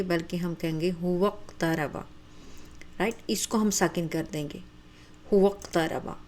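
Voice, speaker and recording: A woman with an Urdu accent teaching an online grammar lesson, drilling word forms slowly and clearly and mixing in English terms. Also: lowish voice, a little mellow, rough recording. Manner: mixes English terms into her explanations.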